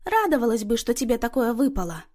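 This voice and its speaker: A woman reading an audiobook, voicing a bossy, nosy mother who talks loudly and scolds. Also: fairly high pitch, very animated, quick pace. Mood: indignant. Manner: loud, indignant, scolding. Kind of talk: audiobook character voice.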